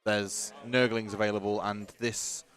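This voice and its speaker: A man's voice: fairly low pitch, flat delivery, measured pace, a bit bright, soft background music. A man giving casual live-stream commentary on a tabletop game, chatty and joking while he sorts out the stream.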